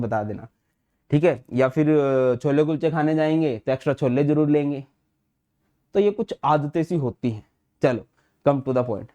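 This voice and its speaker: A man giving an online chemistry class, chatty and friendly with students, mixing terms into his speech and slowing down to dictate notes. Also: a little high, darkish tone. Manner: chatty, addresses students as beta and bhai, mixes English terms into Hindi; slows to dictate notes word by word. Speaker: chemistry teacher.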